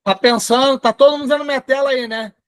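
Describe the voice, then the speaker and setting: A man with a Brazilian Portuguese accent teaching a live online class in a chatty way, often dictating slowly word by word. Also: very high-pitched, fairly even intonation, fairly bright tone, smooth, no echo, studio quality. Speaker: instructor.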